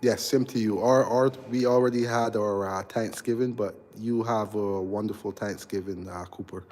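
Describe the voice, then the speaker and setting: A man from Barbados with a low, flat voice gives a casual live-stream tour of a large, unfinished house under construction, indoors. An electrical contractor, he speaks haltingly and chattily, reading viewers' comments aloud and answering them.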